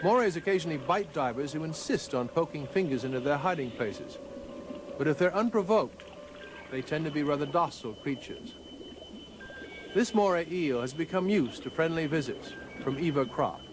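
A man narrating a scripted nature documentary in a measured, formal storytelling manner. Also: a little high, expressive, noisy background. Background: background music.

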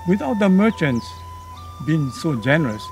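A man's voice: on the high side, sing-song, normal speed, music in the background. An older man, a museum docent casually reminiscing outdoors on a farm, with folksy asides. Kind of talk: casual storytelling.

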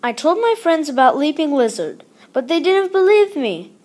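This storybook reader is a woman whose voice sits high and whose pace is ordinary. She brings a children's picture book to life, performing its exclamations and lines of dialogue with lively expression.

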